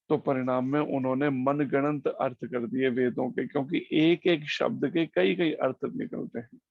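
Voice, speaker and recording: A man giving a slow, explanatory devotional scripture class over an online call, using homely examples. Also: mid-range voice, creaky, darkish tone, dry recording, dull audio. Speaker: preacher.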